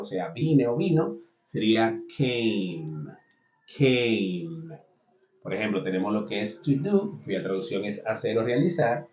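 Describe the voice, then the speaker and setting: A man's voice: lowish voice, darkish tone. A man teaching an English lesson in Spanish, working through a verb list and repeating each English word. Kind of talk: explanatory online lesson. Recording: roomy, dull lo-fi sound.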